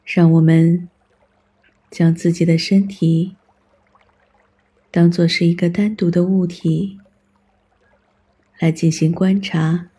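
Casting: calm guided-meditation narrator, soft mellow tone, very even and level pitch, unhurried scripted instructions with generous pauses. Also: husky. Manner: calm, soothing, instructional delivery with long pauses.

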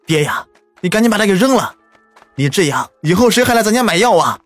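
A man voicing a hot-tempered, bullying middle-aged businessman in an audio story, shouting and threatening. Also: high-pitched, very animated, fast, no room sound, soft background music, pitched above the performer's own voice. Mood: pleading.

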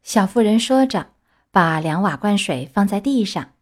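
A woman narrating a children's book aloud with steady, clear delivery. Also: medium pitch, unhurried. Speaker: storyteller.

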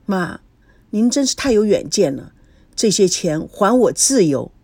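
A woman's voice: mid-range voice, sing-song, a little slow, warm tone, husky, dry recording, heavily acted. Woman reading as guarded young woman, curt snappy lines, dry mic. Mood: tearful. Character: secretive, troubled young woman.

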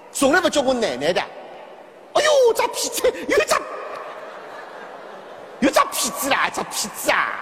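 A man playing a sly, sharp-tongued old grandmother from Shanghai with a Shanghai accent, who mocks and feigns confusion in a stage comedy sketch. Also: very high voice, heavily acted. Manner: mocking, feigns confusion, teases. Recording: reverberant hall with audience and noise.

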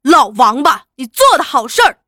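A furious, hot-tempered husband in a storybook reading, shouting accusations, as a woman reader puts him on. The voice stays high, dry and close. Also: big pitch swings, unhurried, no room sound, heavily acted.

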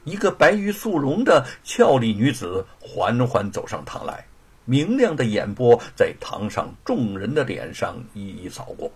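A man's voice: sing-song, a little slow, husky. A man narrating a traditional Chinese storytelling performance with dramatic delivery. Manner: dramatic, sweeping pitch swings.

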